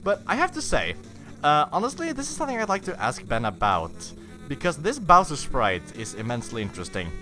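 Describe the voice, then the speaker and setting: A man's voice: fairly high pitch, huge pitch swings, a little fast, bright, forceful tone. A man giving casual, rambling commentary while playing a video game, chatty and full of fillers and self-corrections. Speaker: let's player. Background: game music.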